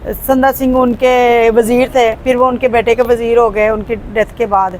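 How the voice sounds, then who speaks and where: Interview guest: Punjabi-accented woman, unhurried and hesitant, recorded outdoors with faint street noise. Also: a little high, flat delivery, darkish tone. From Pakistan. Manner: hesitant, with frequent fillers and restarts. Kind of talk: casual conversational interview.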